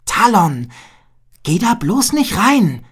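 A woman voicing a playful, bold young girl in a children's adventure story, in a high, lively voice. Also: moderate pace, lightly acted.

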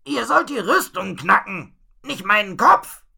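A man voicing a grumpy, stout robber knight stuck in his armor, shouting and growling his complaints. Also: high-pitched, expressive, a little slow, creaky, husky, pitched above the performer's own voice, exaggerated voice.

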